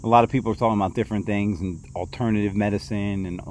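A man in his forties co-hosting a casual podcast, easygoing and agreeable, often chiming in with quick affirmations. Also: fairly low pitch, fairly even intonation, darkish tone, a little hiss or hum. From Central New Jersey, US. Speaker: podcast co-host.

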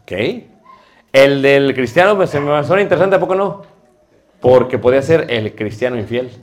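Brisk, teasing Mexican man coaching. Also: mid-range voice, animated. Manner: brisk, teasing, giving short commands. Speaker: public speaking teacher for church preachers. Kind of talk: informal hands-on coaching.

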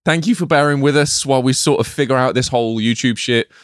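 A man's voice: mid-range voice, fast talker, no room sound, clean studio sound. A man co-hosting a podcast in casual, sweary, joking chat. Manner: swears freely, jokey and playful. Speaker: podcast co-host.

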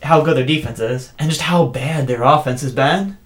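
A man co-hosting a casual sports podcast, giving his picks and stats in a measured, analytical way. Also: mid-range voice. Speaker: podcast co-host.

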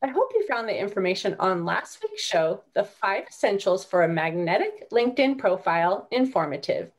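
A woman's voice: mid-range voice, very animated, moderate pace. A woman podcast host presenting her show and talking with a guest in an orderly, prepared way. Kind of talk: scripted show introduction, then interview chat.

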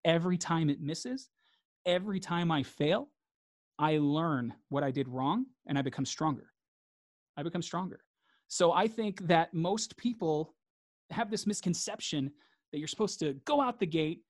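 A man's voice: fairly high pitch, lively intonation, moderate pace, no echo, clean studio sound. A man, a guest in a reflective interview, talking earnestly and repeating phrases for emphasis.

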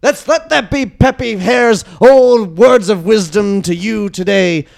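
A man's voice: sits high, a little slow, creaky. A man voicing a boastful, feisty old male hare pilot who rambles about his glory days.

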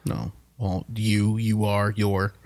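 A man's voice: fairly low pitch, level tone, slow pace, darkish tone. A man co-hosting a podcast, casually reading a horror story aloud and breaking off to joke.

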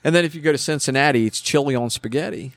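A man hosting a casual chat, animated and opinionated, quick to scoff at claims he thinks are wrong. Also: medium pitch, no room sound. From West Virginia. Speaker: podcast host.

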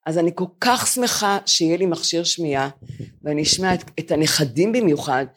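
A woman's voice: lowish voice, animated. A woman in her seventies, a podcast co-host, chatting in a self-mocking, storytelling way before a live audience. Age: 70s.

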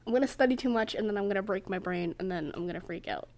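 A woman's voice: mid-range voice, very fast, creaky. A teenage girl hosting a casual student podcast, rambling with many fillers as she talks through her plans. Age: teens. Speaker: podcast host. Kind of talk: casual chat.

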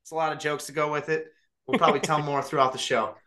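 A man's voice: on the high side, level tone, fast talker, pushed and bright. A young adult man, co-host of a podcast, animatedly telling a funny story in casual chat and laughing along the way.

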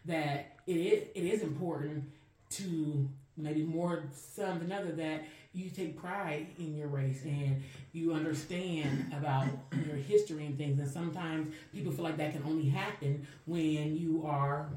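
A Chicago woman co-hosts a casual podcast, speaking earnestly and reflectively in long, winding sentences. Her low, warm voice is unhurried with fairly even intonation. The recording sounds roomy and distant from the mic, with faint noise.

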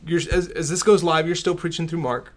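A man with a West Texas accent and twang, chatting casually as a pastor and co-host in a halting way that repeats words. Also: on the high side, steady tone. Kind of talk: casual conversation.

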